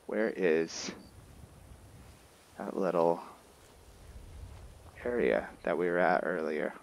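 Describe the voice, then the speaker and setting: Deep-voiced and slow, with vocal fry, a man playing a video game offers casual roleplay commentary, musing aloud as he goes. He hosts gaming videos, and game music plays behind him.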